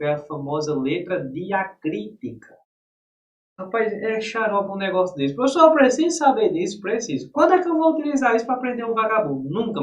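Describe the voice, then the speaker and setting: A man teaching a live online exam-prep class in a folksy, chatty way. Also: high-pitched. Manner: folksy, talks to students as "gente" and "rapaz". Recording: echoey room, distant dull mic.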